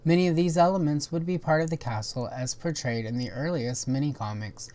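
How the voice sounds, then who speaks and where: A woman hosts a toy history video, delivering scripted documentary narration in a measured, informative way with a low-pitched, dark voice.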